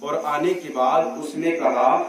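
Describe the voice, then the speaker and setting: A man preaching a sermon as a story, his voice rising to shouts at the climaxes, picked up through a stage microphone at a large religious gathering. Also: a little high. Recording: very echoey, far from mic.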